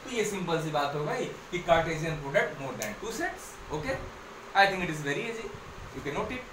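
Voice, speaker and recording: A man's voice: fairly high pitch, sing-song, slow, noisy background. A man teaching a maths class step by step, repeating key points and mixing English phrases into his explanations. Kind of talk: blackboard maths lesson. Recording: echoey room, mic at a distance.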